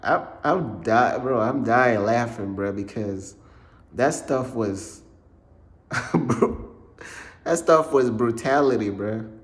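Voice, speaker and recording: A man's voice: mid-range voice, takes it slowly, long pauses. A young man from Uganda telling a rambling storytime vlog about his faith, peppering his talk with "bruh" and "bro.". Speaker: faith vlogger.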